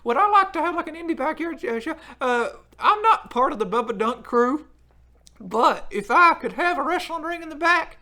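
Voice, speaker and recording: A man's voice: extremely high pitch, moderate pace, full character voice. A man voicing a brash, foul-mouthed male wrestling fan who hosts a live stream and reads chat comments aloud. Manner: crude, swears freely, excitable outbursts. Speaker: livestream host reading chat.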